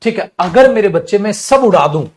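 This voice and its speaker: A man's voice: sits high, animated, fairly quick. A young adult man with a Hindi accent, teaching an English grammar class and lecturing his students in an emphatic, scolding way.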